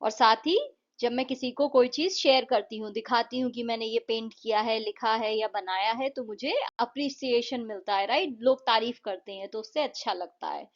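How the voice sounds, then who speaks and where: A woman with an Indian accent, teaching an English lesson and explaining a poem in simple, patient steps, reading English lines aloud slowly. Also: on the high side, highs cut off.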